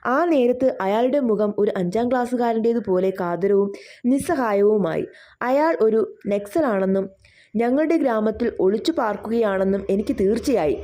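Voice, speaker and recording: A woman reads a novel aloud in the first person, measured and expressive. Her voice sits slightly high with a mellow, warm tone, an audiobook storytelling style. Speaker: narrator.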